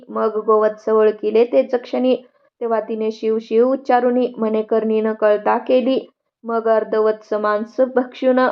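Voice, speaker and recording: Woman reader, higher voice, flat even chant of sacred verses, dull lo-fi sound. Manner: steady, even verse-by-verse recitation. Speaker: devotional scripture reader.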